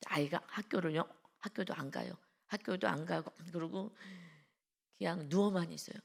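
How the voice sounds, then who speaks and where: A woman pastor delivers an early-morning devotional sermon in a church. Her voice sits low with a rough, gravelly texture. She talks to the congregation in a conversational, storytelling way. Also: normal speed.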